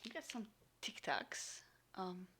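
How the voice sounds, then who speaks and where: A woman vlogger unboxing and reviewing a military ration in casual talk, full of ums and sometimes dropping into a soft whisper. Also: fairly low pitch, big pitch swings, takes it slowly, noisy background. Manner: chatty, frequent ums, drops into soft whispers. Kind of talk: casual unboxing and taste test.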